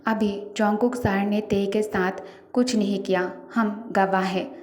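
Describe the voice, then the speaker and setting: A woman's voice: medium pitch, little pitch movement, unhurried, darkish tone, close to an everyday voice. A woman playing a cocky, theatrical young man. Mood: boastful. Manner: boastful, theatrical. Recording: roomy echo.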